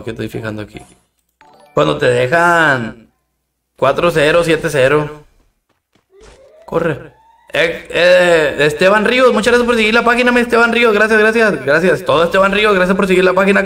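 A man's voice: fairly high pitch, creaky, a bit bright, recorded from a distance. A man with a Mexican accent, streaming a game live, chatting in slang and thanking viewers between rounds.

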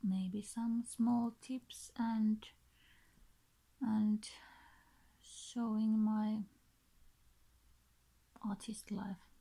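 This vlogger, a Finnish woman in her thirties with a matching accent, introduces her channel in casual, unscripted talk to camera, her phrases short, halting and breathy. Her mid-range voice is dark with little pitch movement, and the audio is poor, coming from a built-in device mic close to her face in a small bedroom.

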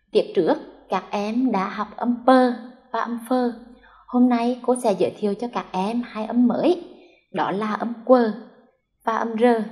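A woman primary school teacher from central Vietnam giving a televised first-grade lesson, pronouncing sounds clearly and slowly for young children. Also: a little high, dark tone. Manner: slow, clear, drawn-out enunciation for young children.

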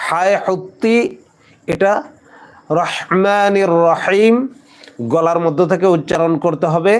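A man teaching Quran recitation, who chants verses slowly and drawn out, then explains pronunciation briskly. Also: sits high, steady tone, smooth.

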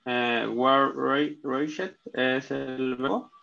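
A man whose first language is Spanish reads English sentences aloud in a tutoring lesson. He is hesitant and halting, restarting words, and speaks very slowly with a gravelly voice. The recording sounds dull and lo-fi. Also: medium pitch, fairly even intonation, pushed and bright. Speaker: student.

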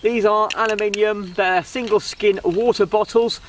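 Standing on a wooden riverside deck, a vlogger in his thirties gives an informal review of budget camping gear, a bit hesitant and rambling. His voice sits high with a steady tone at a moderate pace. The mic is on a camera a couple of metres off, catching outdoor background noise.

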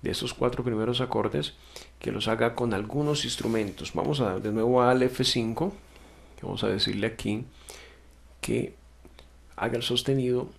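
A man teaching music software step by step in a screen-recorded tutorial, patiently explaining, correcting himself and checking in with "ok?". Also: medium pitch, moderate pace, creaky, pauses often.

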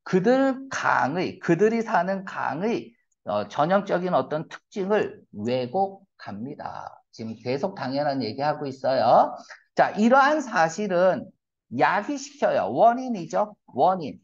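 A male English teacher giving a classroom lecture, his pitch jumping up and down as he explains. He keeps asking rhetorical questions and throws in blunt, slangy asides. The recording sounds dull and lo-fi. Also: big pitch swings, measured pace. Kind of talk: classroom lecture on reading comprehension.

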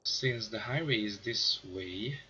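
A man with a cold, hoarse and raspy, rambling through casual gameplay commentary as a gaming video host and clearing his throat now and then. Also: fairly low pitch, slow pace, pushed and bright, highs cut off, a little hiss or hum. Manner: rambling, self-mocking, clears throat often.

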